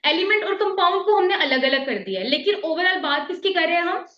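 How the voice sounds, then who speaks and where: A woman's voice: extremely high pitch, animated, brisk, slight background noise. A woman with a Pakistani Urdu accent teaching a chemistry class, explaining patiently and often checking whether students follow. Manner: explains patiently, mixing English terms, often checks "theek hai?". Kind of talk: classroom lecture. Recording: echoey, slightly dull classroom recording.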